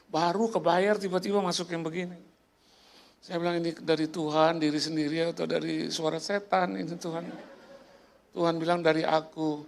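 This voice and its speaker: Gravelly-voiced man, an animated pastor telling a story. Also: fairly high pitch, moderate pace, a little hiss or hum. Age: middle-aged. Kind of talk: sermon storytelling. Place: church hall.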